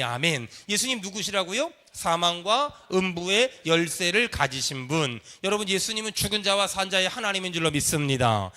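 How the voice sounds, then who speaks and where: A man's voice: high voice, pushed and bright. A man preaching a sermon in a church, leading the congregation in call and response. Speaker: pastor. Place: church sanctuary.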